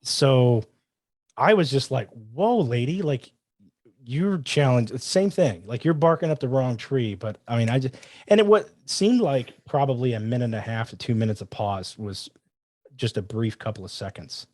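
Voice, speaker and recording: A man with a middle-pitched voice tells a casual story in a lively way, acting out his own thoughts and what others said. The sound is dry and close, with no room echo. He talks like a self-defense trainer sharing a lesson from life. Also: normal speed. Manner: animated, quotes himself and others in asides. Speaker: firearms trainer guest.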